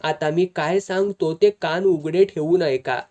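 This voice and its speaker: A man's voice: a little high, steady tone, measured pace, darkish tone, natural voice. A reader voicing a stern grown son who gives orders to his family, with a touch of dialect in his speech. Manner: stern, commanding. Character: angry grown son, stern head of house.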